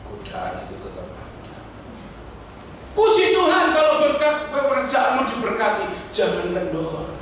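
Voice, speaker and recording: A man preaching a sermon, telling stories and urging his congregation with animated, shifting delivery. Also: very high-pitched, unhurried, a little hiss or hum. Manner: animated storytelling, switching between pleading and urgent exhortation. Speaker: pastor. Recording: echoey church hall from far off.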